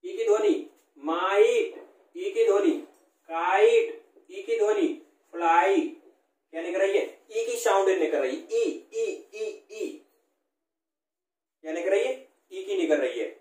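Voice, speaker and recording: A man teaching a grammar lesson, asking and answering his own questions and reading example lines slowly. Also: high-pitched, sing-song, darkish tone. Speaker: English teacher. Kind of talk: classroom lesson explaining grammar. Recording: echoey room.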